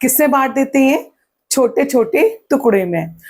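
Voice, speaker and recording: A woman teaching an exam-prep lesson, asking her own questions and answering them, and sounding words out slowly. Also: high-pitched, animated, a little mellow, breathy edge. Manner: claps and stretches words out slowly to show syllables.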